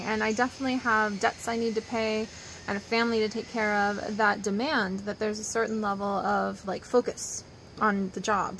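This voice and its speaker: This young woman in her twenties has a medium-pitched, fairly bright voice, recorded on a close-held phone or camera with slight background noise and poor quality. Sitting on an outdoor wooden deck, she rambles cheerfully to viewers in a chatty vlog.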